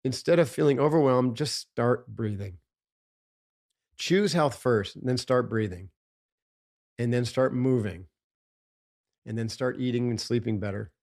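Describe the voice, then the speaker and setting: A man's voice: medium pitch, a little slow, long pauses, a little mellow. A man, a guest on a podcast interview, talking in an emphatic coaching tone and often asking "right?".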